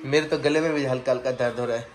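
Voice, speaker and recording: A man's voice: mid-range voice, fairly even intonation, quick pace, over music. A man hosting a casual family vlog, chatting to his viewers as guys and teasing the children with him while out at the shops. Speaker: family vlogger. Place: out and about at shops and a market.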